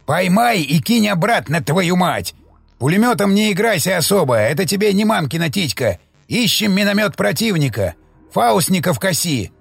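A gruff old army commander, as a male narrator puts him on, barks orders and curses in a gravelly, husky voice that sits high and swings widely. The voice is an audiobook character voice, recorded dry and close with faint music behind it. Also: very animated, moderate pace, no echo, full character voice. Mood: shouting. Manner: barking orders, cursing.

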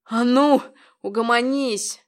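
Woman reader doing a coarse, barking brute of a man, loud and snarling, pitched a little high. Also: takes it slowly. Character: brutal crude grown man, snarling thug.

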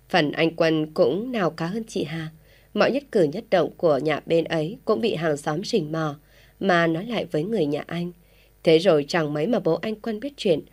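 A woman narrates an audiobook tale with steady, even storytelling. Her voice sits somewhat low for a woman, and she reads at a measured pace.

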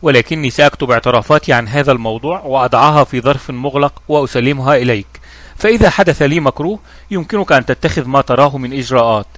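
A terrified thief stumbles over his words and rushes to get them out, as a storyteller puts him on. He talks fast in a dry, close voice. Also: mid-range voice, a bit bright, dry recording, close to an everyday voice. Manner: stammering, rushed. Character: frightened stammering male thief.

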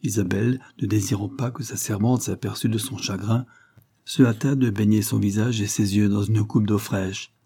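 A man narrating a novel in a measured, even storytelling manner. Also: fairly low pitch, breathy edge. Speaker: audiobook narrator.

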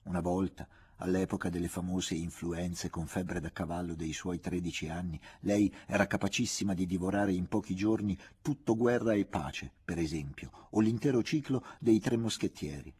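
A man reading a literary novel aloud as an audiobook, with measured, expressive narration. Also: deep voice, slightly rough. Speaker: audiobook reader.

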